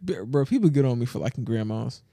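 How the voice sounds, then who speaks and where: A man's voice: medium pitch, lively intonation, fast talker, warm tone, breathy edge, no echo, clean studio sound. A young man co-hosting a podcast, telling a rambling story in casual chat with restarts and laughs. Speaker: podcast co-host.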